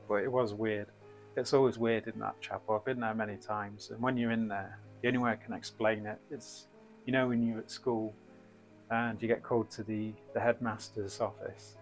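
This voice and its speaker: A man in his thirties chats loosely to camera as a ghost-hunting host, filling pauses with ums and uhs. His voice sits low and stays fairly level in pitch. He is recorded indoors in a small room, a desk-distance camera picking him up. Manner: relaxed, rambling, frequent ums and uhs. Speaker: paranormal investigator host. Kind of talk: casual address to camera.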